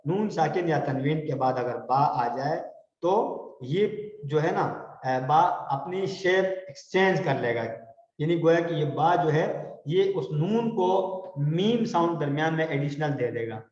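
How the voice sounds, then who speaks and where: A man teaching Quran recitation rules, slowly drawing out example words for students to repeat. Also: a little high, lively intonation, darkish tone. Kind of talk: tajweed lesson with call-and-response recitation. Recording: echoey hall, dull lo-fi sound.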